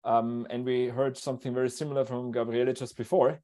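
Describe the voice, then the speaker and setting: A man presenting a technical talk at an online seminar in a steady, explanatory way, over a video call. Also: mid-range voice, fairly quick. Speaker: invited speaker.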